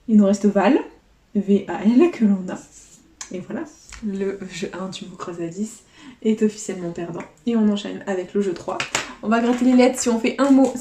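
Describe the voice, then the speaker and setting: A woman's voice: mid-range voice, warm tone. A woman vlogger chatting casually as she scratches lottery tickets, counting out letters and numbers. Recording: echoey room.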